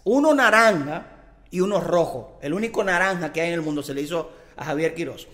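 A man with an unusually high voice, telling a story with energy. He slips into the voices of the people he quotes. A long reverb trails his voice in the room. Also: fairly quick. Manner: excited storyteller, acts out quoted dialogue. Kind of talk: animated anecdote telling.

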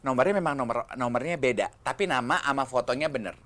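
A man chats casually as a podcast co-host. He tells his story at length and slips into the voices of the people in it. His pitch stays in a middle range. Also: quick pace, a little hiss or hum. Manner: animated storyteller who acts out the other people in his stories. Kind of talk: casual chat.

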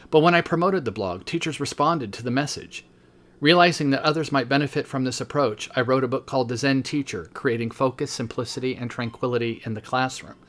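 A man in his fifties, a teacher hosting a podcast, reads his own book aloud at a steady pace and breaks off now and then for short spoken asides. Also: medium pitch.

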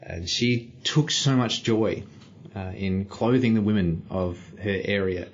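A man, a podcast guest, telling stories and reflecting thoughtfully, often pausing to search for words. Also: fairly low pitch, dull audio, a little hiss or hum. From Australia. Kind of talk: reflective storytelling.

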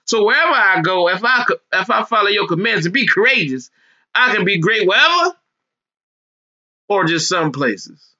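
An American preacher with a high, sing-song, sharp-toned voice delivers an informal sermon with scripture reading at a moderate pace. His speech is colloquial and streetwise, emphatic, and he repeats phrases for effect. The audio sounds dull.

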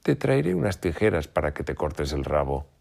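Conejo macho pícaro y guasón de cuento, interpretado por el narrador. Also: male voice, extremely low pitch, big pitch swings, moderate pace, creaky, darkish tone, full character voice. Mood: teasing. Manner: playful, mocking, light. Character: sly mischievous male rabbit, teasing.

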